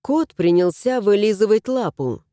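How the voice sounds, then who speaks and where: A woman reading a fairy-tale audiobook aloud with lively, expressive storytelling. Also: medium pitch, normal speed, dry recording, studio quality. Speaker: narrator.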